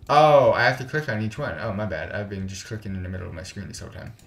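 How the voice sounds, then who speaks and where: A man with a fairly low voice rambles through let's-play commentary, restarting sentences and thinking aloud. Faint game music sits quietly behind him. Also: animated, quick pace, reverberant. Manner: casual, rambling, self-correcting. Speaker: gaming YouTuber.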